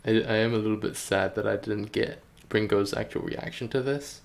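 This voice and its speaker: A game developer chats on a casual livestream over background music, thinking aloud in a rambling, hesitant way. His voice is lowish and steady with vocal fry, at a moderate pace.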